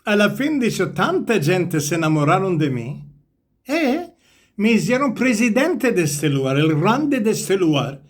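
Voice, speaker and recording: Brief: man voicing a bragging storybook donkey, Ladino accent, bright and lively. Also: high-pitched, a little slow. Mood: boastful. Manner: boastful, lively. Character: boastful cheerful male donkey.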